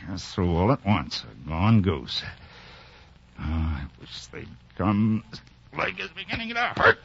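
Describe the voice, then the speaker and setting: A man playing a grim, wounded soldier in a 1940s radio drama, straining in pain and muttering haltingly as he urges himself on. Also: low voice, huge pitch swings, gravelly, fairly bright tone, slightly rough, heavily acted. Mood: bitter, pained. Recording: dull, noisy old radio recording.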